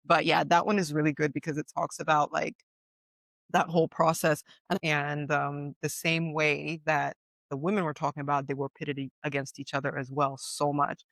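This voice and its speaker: A woman co-hosting a podcast in casual chat, an animated storyteller who leans on fillers. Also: low-pitched, moderate pace, vocal fry, no room sound. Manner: enthusiastic. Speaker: podcast co-host.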